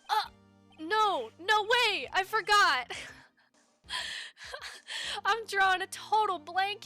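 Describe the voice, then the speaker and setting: A woman's voice: high voice, sharp tone, exaggerated voice. A woman voicing a nervous young male defense lawyer in a game playthrough, stammering and hesitant.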